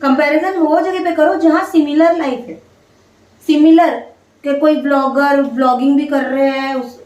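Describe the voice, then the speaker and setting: In her home kitchen, a young family vlogger and mother of two cooks while casually chatting to viewers, venting and explaining throughout. Her high, slightly mellow voice has fairly even intonation and a measured pace, recorded from a distance with lo-fi sound, echo, and light background noise.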